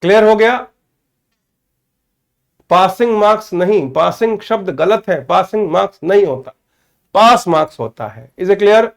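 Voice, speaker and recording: Man, Indian accent, high voice, English teacher, online class, slow English examples. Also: expressive. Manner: addresses students by name, asks "clear?" often; mixes Hindi with slow, spelled-out English.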